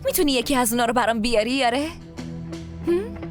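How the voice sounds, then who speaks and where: Woman dubbing a spirited young heroine, high voice. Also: lively intonation, music in the background, natural voice. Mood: tender. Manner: quick, emotional and reassuring. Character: spirited young woman searching for her sister. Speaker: lead character. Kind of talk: dubbed TV drama.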